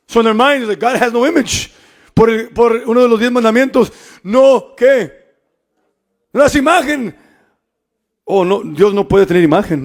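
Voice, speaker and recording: A pastor delivers a bilingual sermon in a high, gravelly voice. He repeats key phrases and climbs to emphatic, shouted peaks as he preaches. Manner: switches between English and Spanish, repeats phrases, rising to emphatic shouts.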